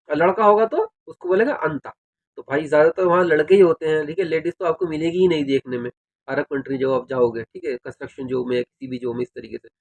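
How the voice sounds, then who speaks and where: A man with a noticeably high voice talks to his viewers in a relaxed, chatty way. He explains things step by step and keeps checking in with "theek hai". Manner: conversational, fillers like "theek hai" and "yaar", addresses viewers directly. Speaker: video creator giving advice on working in Saudi Arabia. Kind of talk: casual explainer.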